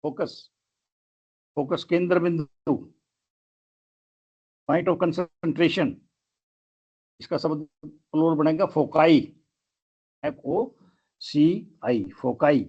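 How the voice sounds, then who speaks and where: Slow, deliberate male grammar teacher. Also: on the high side, expressive, gravelly, slightly rough, lo-fi sound. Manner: spells words out letter by letter, slow and deliberate. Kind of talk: lesson.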